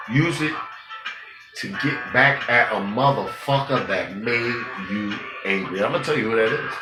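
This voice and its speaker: A man giving a profane, preachy street-talk monologue, swinging between loud outbursts and low muttering. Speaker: vlogger. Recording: roomy, with music playing behind.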